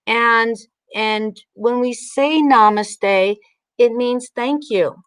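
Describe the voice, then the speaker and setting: Slow-paced woman guiding mindfulness. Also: a little high, a bit bright, clear, resonant tone, dry recording. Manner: unhurried, instructional, with pauses. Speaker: mindfulness and breathing teacher. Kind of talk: guided breathing meditation and informal spiritual talk.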